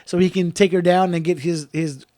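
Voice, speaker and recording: An easygoing male podcast co-host with a slightly higher-than-average voice. He talks in a loose, rambling way and laughs often. The sound is dry and close-miked. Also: fairly even intonation, a little fast, warm tone, no room sound. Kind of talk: casual chat.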